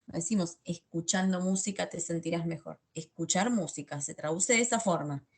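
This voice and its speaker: A woman's voice: fairly low pitch, moderate pace. A woman teaching an online English class, explaining step by step and often checking in with a questioning "sí?". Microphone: computer mic in an online class.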